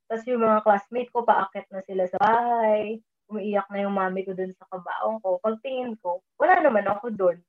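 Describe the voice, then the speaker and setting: Over a tinny, phone-like recording, a woman with a mid-range voice and normal speed casually tells a personal story about a dream. She blends English into her speech and raises her voice when quoting her own words.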